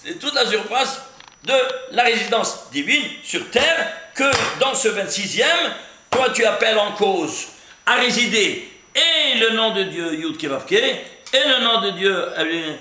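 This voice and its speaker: A man leads an animated Torah lesson as a rabbi, firing questions and counting through numbers aloud. His voice sits high and bright, swinging widely in pitch. The room is echoey. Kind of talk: lively Torah lesson with gematria.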